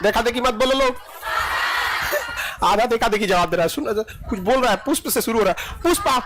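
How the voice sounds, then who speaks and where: A man's voice: extremely high pitch, lively intonation, brisk, noisy background. A male teacher teaching a biology class, quizzing students and joking with them in a classroom. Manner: playful, jokes with students, quizzes them repeatedly.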